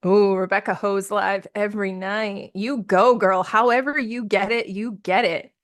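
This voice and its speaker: A woman coaching participants live over a video call. She sounds upbeat and encouraging and laughs easily. Her voice sits in an ordinary middle pitch. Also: steady tone, measured pace. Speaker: business coach.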